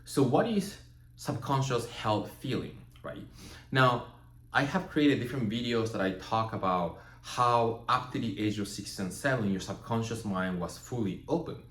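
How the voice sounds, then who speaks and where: A man from Japan whose first language is Japanese, giving a measured, reflective spiritual teaching talk and often checking in with "right?" and "you know". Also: medium pitch, a bit bright. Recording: roomy echo.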